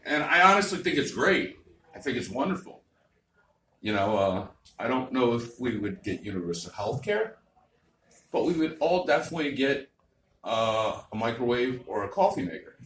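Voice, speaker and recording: A man's voice: medium pitch, big pitch swings, moderate pace, a bit bright. A man doing a crude, vulgar, rambling stand-up comedy set on a club stage. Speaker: stand-up comic. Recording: roomy club, distant mic, faint noise.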